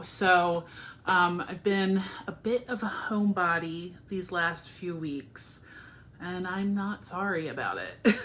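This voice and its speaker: A woman's voice: on the low side, fairly bright tone, a little hiss or hum. A woman in her forties from the United States, hosting her knitting podcast in a casual chat to camera at home, tired and yawning, with lots of ums and laughs. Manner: chatty, frequent ums, laughs often, sleepy and yawning.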